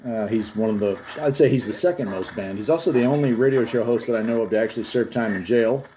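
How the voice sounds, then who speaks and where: A YouTube host rambles with enthusiasm through a casual gadget demo, speaking quickly in a medium-pitched, dark-toned voice. The audio is poor, recorded on a phone camera held by someone else, with faint background noise.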